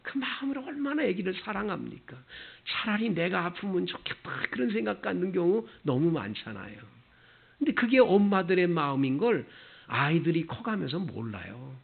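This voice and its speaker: A male pastor preaching a sermon with strong emotion, moving from soft, hushed lines to high, fervent cries. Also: sing-song, moderate pace, creaky, breathy edge. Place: church sanctuary. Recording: tinny phone-like church recording.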